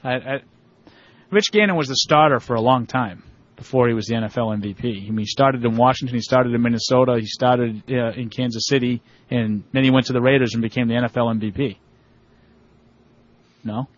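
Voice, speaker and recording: A man's voice: medium pitch, brisk. A man with a Boston accent co-hosting a sports radio show, debating casually and repeating words as he argues his point. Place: radio studio. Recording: muffled, dull lo-fi audio.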